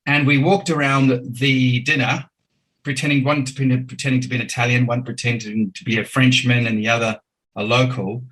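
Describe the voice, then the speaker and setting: A man's voice: medium pitch, little pitch movement, brisk, a bit bright, low-quality recording. Chatty New man telling his story. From New Zealand. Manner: chatty, enthusiastic, filler-laden. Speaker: guest. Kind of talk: casual interview storytelling.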